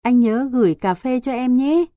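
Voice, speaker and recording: A woman voicing a sad young country boy who asks softly and plaintively in an audiobook story. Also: sits high, normal speed, dry recording, clean studio sound, pitched above the performer's own voice, close to an everyday voice. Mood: calling out.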